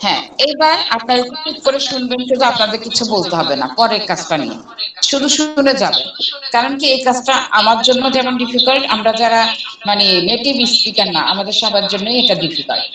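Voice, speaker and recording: A woman's voice: on the high side, animated. Bangladeshi woman teaching, echoey and distant. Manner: slow, deliberate reading of English questions. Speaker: English instructor. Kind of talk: online class lecture. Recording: echoey room, far from mic, people talking. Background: students chiming in.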